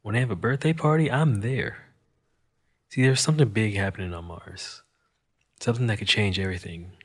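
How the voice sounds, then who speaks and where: Speaking in a lowish voice, a male actor delivers an audio drama monologue as a wisecracking, cynical Martian criminal fixer. He comes across as sly and boastful, with a dry, world-weary manner and measured pauses.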